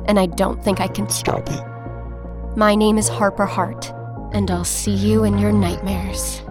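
A woman's voice: medium pitch, flat delivery, unhurried, natural voice. A woman playing a haunted, sleepless, uneasy young woman narrating a scripted horror drama trailer, music behind. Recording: music under the voice.

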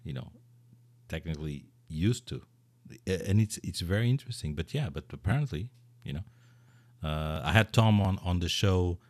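A man's voice: deep voice, expressive, normal speed, a little mellow, no echo. A man whose first language is Portuguese, hosting a podcast in casual, rambling chat full of repeats. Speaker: podcast host.

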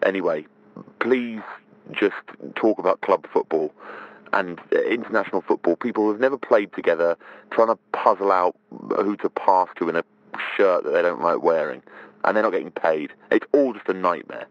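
A comedian leaving a halting, wry, rambling voicemail that is heard over a phone line. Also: male voice, low voice, dry recording. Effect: heard over a phone line as a voicemail message. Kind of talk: left voicemail rant. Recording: dull phone voicemail recording.

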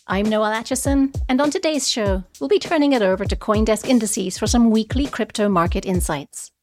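A woman's voice: fairly high pitch, fairly quick, darkish tone, soft background music. A woman hosting a podcast, reading a scripted show introduction. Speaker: podcast host.

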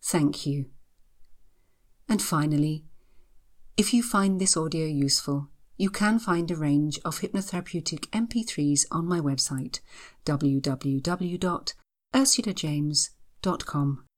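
A woman hypnotherapist hosting a podcast, reading a scripted introduction with measured, gentle instructions. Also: low voice.

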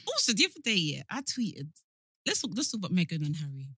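A woman's voice: fairly low pitch, wildly swooping pitch, fast, heavy background noise. A woman with a London British accent co-hosting a casual, opinionated chat, speaking emphatically and repeating words for emphasis. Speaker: podcast co-host.

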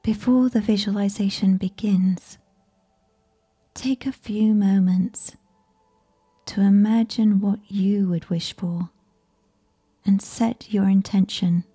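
A woman reads a sleep story softly, as if right in your ear. Her voice is very dark and mellow, breathy and half-whispered. She takes her time with every phrase, keeping it gentle and soothing. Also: mid-range voice, steady tone, slow pace, pauses often, soft background music. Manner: whispery, close in the listener's ear. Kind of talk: soft ASMR scripted bedtime narration.

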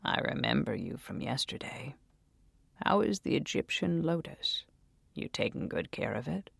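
A storyteller voicing a gaunt, eerily eager male shopkeeper in a hushed, whispery, slow, coaxing voice. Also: mid-range voice, sing-song, gravelly, slightly rough, no room sound, full character voice. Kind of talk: storytelling voice acting.

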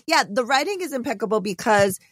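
A woman's voice: a little high, animated, brisk, fairly bright tone, no room sound, clean studio sound. A woman co-hosting a podcast, chatting casually and agreeing with emphatic enthusiasm. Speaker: podcast co-host. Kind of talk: casual chat.

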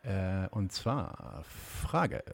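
Low-pitched and slightly rough, with vocal fry, huge pitch swings, and drawn-out words, a German man hosts a conversational interview. He hesitates and gropes for words, posing long, searching questions laced with fillers.

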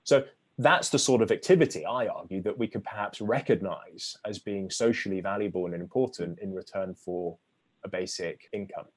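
A man with a lowish voice talks through an argument as an interview guest. He speaks in a measured, lecturing way, sometimes restarting mid-phrase. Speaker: author guest. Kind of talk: explaining ideas in an interview.

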